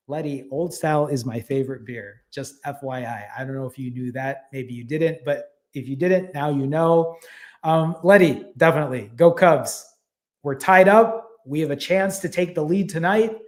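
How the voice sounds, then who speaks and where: A man's voice: fairly high pitch, moderate pace. A man, casually hosting a live stream, reading viewer comments and thanking people by name, a little out of breath. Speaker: fasting channel host.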